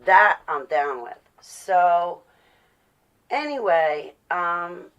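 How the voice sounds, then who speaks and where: A woman vlogger rambles through a casual, opinionated rant, swearing often and acting out quotes she imagines. Her lowish voice is animated but very slow, and the sound is lo-fi.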